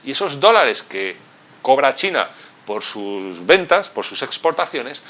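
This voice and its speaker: A man from Spain explaining economics step by step, talking straight to the viewer and checking in with quick tag questions. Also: medium pitch, pushed and bright. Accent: Spain Spanish. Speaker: business expert and investment channel host. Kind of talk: explanatory talk to camera.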